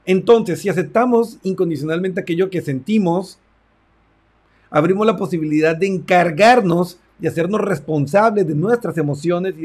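A man's voice: high voice, a little mellow. A man who works as a therapist, giving a reflective talk on self-esteem and acting out conversations with his clients. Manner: reflective, acts out client dialogues.

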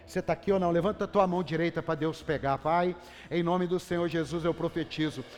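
A man with a Brazilian Portuguese accent preaching a fervent sermon, swinging from hushed tones to shouting and repeatedly calling out questions to the congregation. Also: fairly high pitch, fairly even intonation, quick pace. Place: church hall. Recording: reverberant hall with faint music.

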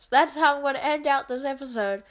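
A woman hosting a podcast, wrapping up in a rambling, halting way with many fillers. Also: high voice. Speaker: podcast host. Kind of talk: casual podcast outro.

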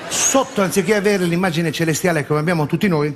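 A man performing a stand-up comedy routine in a theatre, animated and breaking into shouted impressions of regional characters. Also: fairly high pitch, quick pace. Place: large theatre stage before a laughing audience. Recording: live theatre recording, long hall reverb, audible ambience. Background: audience laughter.

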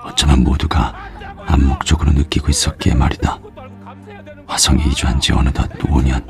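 An actor narrating as a male Mars colonist, in a low, measured inner voice. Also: little pitch movement, creaky, soft background music. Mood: reflective. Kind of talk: scripted reflective narration.

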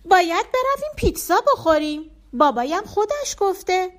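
A woman's voice: very high voice, big pitch swings, voice pushed up. A woman voicing an eager little boy. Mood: childlike. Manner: eager, questioning child talk. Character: small boy, curious and innocent.

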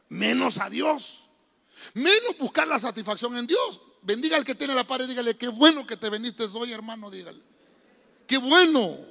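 A man's voice: very high-pitched, vocal fry, sharp tone. A man preaching as pastor to his church, emphatic and calling on the congregation to repeat phrases back to him. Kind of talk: sermon. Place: church hall. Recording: long church reverb.

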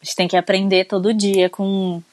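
A Brazilian woman co-hosts a talk show of casual news commentary, chatting conversationally with many tag questions and sounding sleepy. Her mid-range voice has little pitch movement and a moderate pace, with no echo.

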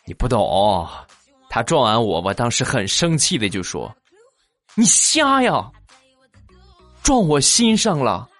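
A man voicing a coy, smug brother-in-law who fancies himself a ladies' man, speaking in a bashful, drawn-out way. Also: mid-range voice, wildly swooping pitch, a bit bright, no room sound, soft background music, exaggerated voice.

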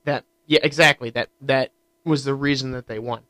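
A man co-hosting a casual sports podcast, animated and steering the conversation, laughing often. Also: medium pitch, normal speed, dry recording. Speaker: podcast co-host.

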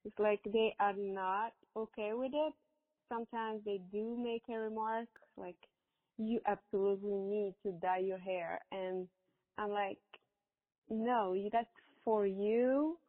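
A woman in her forties from Morocco tells a personal story slowly and haltingly, pausing often. Her voice comes through a tinny, phone-like line with a long, echoey reverb. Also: mid-range voice, steady tone. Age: 40s. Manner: halting, hesitant with many pauses. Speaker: guest.

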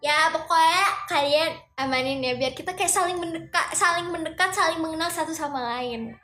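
A woman's voice: very high-pitched, fairly quick, sharp tone, roomy sound, soft background music. A young woman hosting a casual livestream, chatting with viewers and greeting them in a sing-song way. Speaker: livestream host.

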